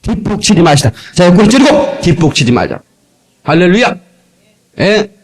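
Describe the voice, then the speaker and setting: Animated male pastor preaching on old tape. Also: sits high, moderate pace, husky. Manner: animated, playful preaching with sudden loud exclamations. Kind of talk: sermon.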